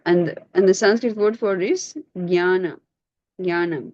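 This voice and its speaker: A woman's voice: fairly low pitch, measured pace, darkish tone, no echo. A woman, facilitating an online scripture class, patient and questioning as she prompts her students. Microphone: video call. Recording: dull lo-fi video call audio.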